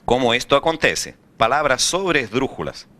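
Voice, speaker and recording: In this recorded classroom lecture, a medium-pitched man teaches Spanish at a moderate pace. He keeps things lively by frequently throwing rhetorical questions at the students.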